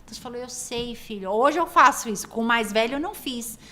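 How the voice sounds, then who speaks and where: A woman's voice: a little high, lively intonation, fast, bright, forceful tone. Woman podcast host. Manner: explanatory, acts out quoted dialogue. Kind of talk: casual interview talk.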